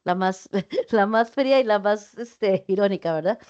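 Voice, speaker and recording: A woman's voice: medium pitch, measured pace, a little mellow. Woman teaching on a dull call. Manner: patient, explains with spoken examples. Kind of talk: online class lecture.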